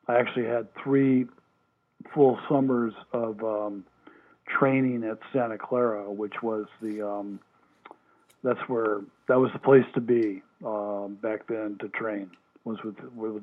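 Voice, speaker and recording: Over a tinny phone line, an older Hawaiian man who once swam in the Olympics answers oral history questions. His voice sits lowish, and he hesitates a lot, filling gaps and restarting his sentences.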